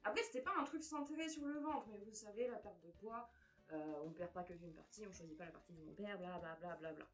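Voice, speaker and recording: A young woman vlogging casually to camera in a room, frank and expressive, swearing now and then. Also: mid-range voice, fairly quick, soft background music. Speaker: fitness and weight-loss vlogger. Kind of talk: casual vlog talk to camera.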